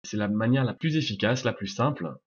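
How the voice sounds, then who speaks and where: A low-voiced young man with a husky edge teaches English pronunciation, breaking words into syllables and repeating each sound slowly. He is a native French speaker. The recording sounds dull and lo-fi. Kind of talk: video lesson answering viewer questions.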